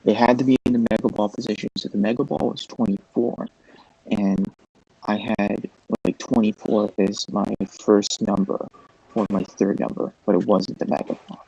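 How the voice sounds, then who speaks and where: A man's voice: fairly low pitch, steady tone, normal speed, gravelly, mellow, husky, poor audio. A man chatting casually on a livestream, explaining things step by step. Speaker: livestream guest. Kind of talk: casual chat.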